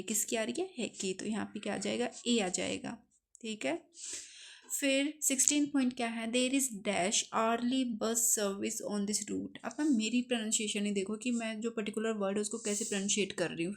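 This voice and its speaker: A woman's voice: medium pitch, fairly even intonation. Hindi-accented woman teaching English grammar. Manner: asks questions and answers them herself; reads example sentences slowly. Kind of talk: exam-prep grammar lesson.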